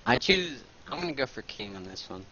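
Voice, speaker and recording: A man commentating a game tournament in relaxed, chatty talk with hesitant restarts, heard over an online voice chat mic. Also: mid-range voice, a little fast. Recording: dull lo-fi voice chat with faint noise.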